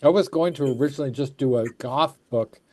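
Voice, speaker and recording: A man's voice: mid-range voice, fast, a little mellow, no echo. A man hosting a casual chat, effusive and rambling, often repeating his phrases. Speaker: show host.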